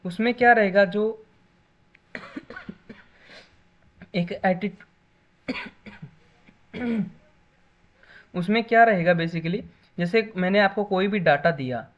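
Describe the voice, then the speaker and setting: A man's voice: high-pitched, lo-fi sound. A man teaching a basic computer class in a lecture style, explaining with everyday examples and often checking back with "है ना".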